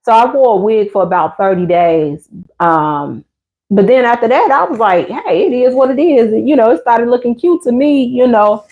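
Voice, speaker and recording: A slightly high-voiced American woman in her 50s chats with her livestream viewers at a moderate pace, casual and candid with colloquial phrasing. She brings stories to life by acting out the quotes. The sound is slightly dull lo-fi livestream audio.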